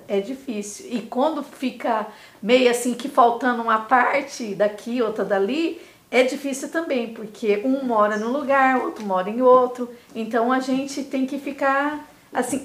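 A woman's voice: a little high, measured pace, reverberant. Emotional older grandmother. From Valparaíso, São Paulo state, Brazil. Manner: heartfelt, speaks of faith and family. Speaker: podcast guest, grandmother. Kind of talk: emotional casual conversation.

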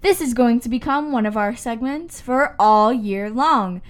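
A young female student host with a fairly high voice asks rapid-fire questions. She delivers short scripted lines in the manner of a school segment presenter.

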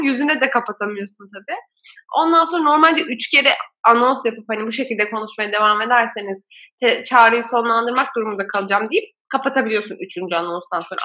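A young woman chatting casually, telling a story about her old call center job in an animated way and laughing often. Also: fairly high pitch. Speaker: former call center worker.

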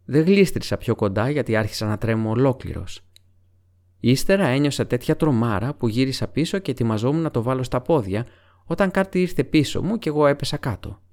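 A man's voice: medium pitch, expressive, darkish tone, close to an everyday voice. A man doing Merry, a breathless young hobbit. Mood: urgent. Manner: breathless, urgent telling. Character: young male hobbit, frightened and eager.

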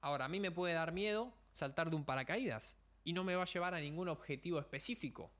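A man's voice: a little high, fast talker, a bit bright. Blunt Rioplatense man coaching listeners. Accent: Rioplatense Spanish. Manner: blunt, coaching tone with slang and rhetorical questions. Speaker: podcast host. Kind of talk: motivational podcast monologue.

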